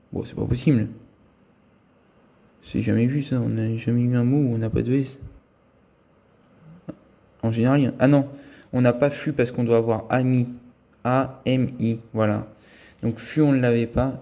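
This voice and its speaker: A man's voice: medium pitch, vocal fry, dark tone. A man giving a casual running commentary as he scratches lottery tickets, thinking aloud as he checks each symbol and letter. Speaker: scratch-card vlogger.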